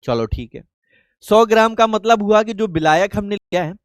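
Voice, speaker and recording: A man's voice: high-pitched, animated, moderate pace, dry recording. A male chemistry teacher giving a live online class lecture. He asks questions, answers them himself, and calls the students by pet names. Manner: affectionate, calls students beta and babu.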